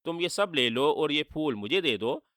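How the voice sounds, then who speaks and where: A man's voice: on the high side, expressive, moderate pace, fairly bright tone, dry recording, studio quality. A man voicing a boastful, cruel male sorcerer who taunts with spoken laughter, in a storybook reading. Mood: pleading, wheedling. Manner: gloating, taunting with read-out laughter.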